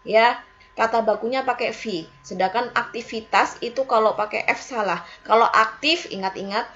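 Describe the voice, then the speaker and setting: A woman's voice: medium pitch, gravelly, lo-fi sound. A woman teaching a school language lesson, explaining to her students and asking them questions as she goes. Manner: lively, with rising questions and repeated "ya".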